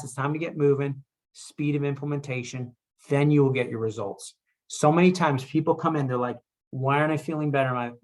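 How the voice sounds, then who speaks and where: A man, a chiropractor, giving a motivational health talk with energetic, repetitive urging. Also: on the high side.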